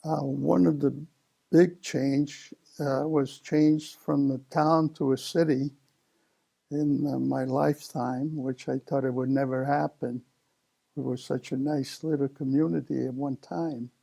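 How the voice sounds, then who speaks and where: A man in his seventies, from Italy, telling his life story slowly in an oral history interview, with many pauses and fillers. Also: medium pitch, flat delivery, gravelly, warm tone, breathy edge. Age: 70s. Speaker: interview guest.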